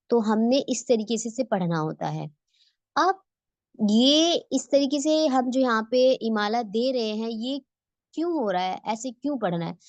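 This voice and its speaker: A woman's voice: a little high, a little mellow, no room sound. A woman teaching tajweed online in a patient, explanatory way, posing questions and answering them herself. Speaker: Quran recitation teacher.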